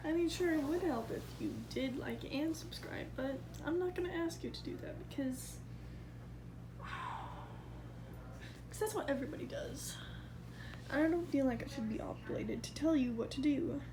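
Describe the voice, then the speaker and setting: A noisy home video shows a woman in a casual vlog, first out in the backyard and later indoors, giggling and chatting in a rambling way. Her voice is high, her pace normal, and she pauses often.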